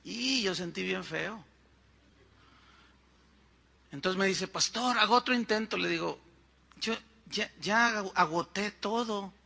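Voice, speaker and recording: A man's voice: high voice, slow, creaky, pauses often, bright, forceful tone. A middle-aged man from Mexico with a Mexican Spanish accent, a pastor telling a story in a sermon, acting out the voices of the people he quotes and adding conversational asides.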